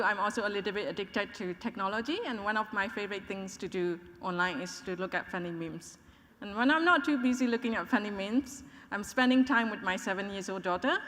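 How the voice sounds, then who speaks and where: A woman in her thirties, originally from Burma, delivers a prepared conference presentation at a measured, clear pace. Her voice is bright and forward. The sound carries the long reverb of a large hall. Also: medium pitch. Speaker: conference speaker.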